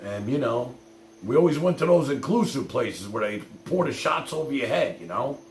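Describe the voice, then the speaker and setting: Animated, mid-range and at a normal pace, a middle-aged man hosts a livestream, casually telling viewers personal stories. His style is blunt and rambling, with some swearing and plenty of "you know", and the sound is roomy and echoey with a faint hum and noise.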